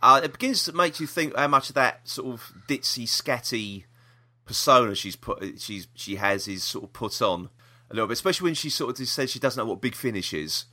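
Chatting casually about TV news, this British podcast host speaks briskly in a lively, bright voice whose pitch varies a great deal. He wanders through the news and offers his views without holding back.

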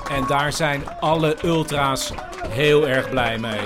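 This man hosts a podcast, narrating an audio report in a wry, hesitant storytelling style at a slow pace and medium pitch. A football crowd and music can be heard outdoors behind him.

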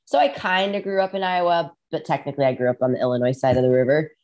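She's a Midwestern musician on a video call as a guest, talking casually from a farmhouse in rural Iowa. Her storytelling rambles and leans heavily on fillers, especially "like." The voice is low and darkish, and she speaks fast.

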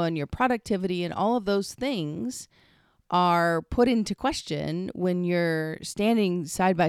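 A woman's voice: on the low side, clean tone, no echo, studio quality. A woman in casual conversation, explaining ideas thoughtfully and sometimes searching for the right words. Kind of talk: casual podcast chat.

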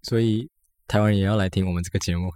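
A woman's voice: extremely low pitch, fairly even intonation, mellow, no room sound. A woman from Malaysia with a Malaysian accent, co-hosting a casual podcast chat, laughing often. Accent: Malaysian Chinese. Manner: fast-talking, code-switching, laughs often. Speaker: podcast co-host.

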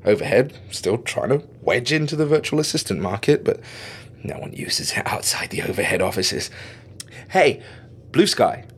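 An actor playing a chatty caretaker who talks to himself, with muttered and whispered asides. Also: male voice, medium pitch, expressive, moderate pace, natural voice. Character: chatty male caretaker archiving logs.

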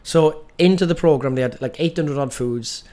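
A man's voice: fairly high pitch, normal speed, mellow. A man, teaching a coaching lesson on food in a direct, emphatic way and often checking with "right?". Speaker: nutrition coach.

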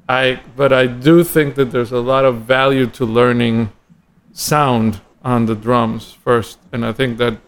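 A man from Costa Rica, a guest drummer and educator, talking in a thoughtful, halting way with many restarts in a casual podcast conversation. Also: medium pitch.

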